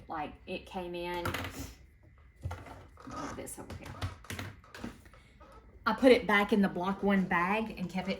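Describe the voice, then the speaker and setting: A woman's voice: fairly low pitch, a little hiss or hum. A middle-aged woman, chatting folksily as she walks through a quilting block in a home sewing room. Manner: chatty, folksy, talks while working. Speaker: quilting video host. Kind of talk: casual sewing tutorial.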